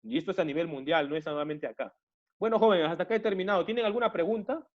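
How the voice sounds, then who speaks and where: A Peruvian man with a high, rapid-fire voice teaches an online class, and the recording's highs are cut off. He repeats himself, restarts often, and keeps calling his students "jóvenes," or young people.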